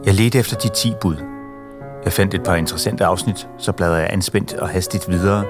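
A man with a deep, low voice reads a novel excerpt in a measured, expressive way. Faint music plays quietly beneath him. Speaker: reader. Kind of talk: literary reading.

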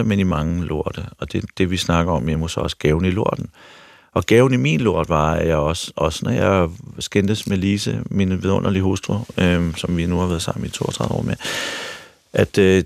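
A man's voice: deep voice, vocal fry, a little mellow, dry recording, clean studio sound. A middle-aged actor and talk show host tells a personal story frankly and openly, often stopping to restart his sentences. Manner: frank, self-revealing, with repeated restarts.

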